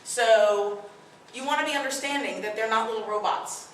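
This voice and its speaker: A middle-aged woman, strong-voiced and fairly high-pitched, speaks at normal speed at a parenting workshop. She is firm, direct and conversational with the live audience, and the far-off recording of the echoey room has a little hiss or hum.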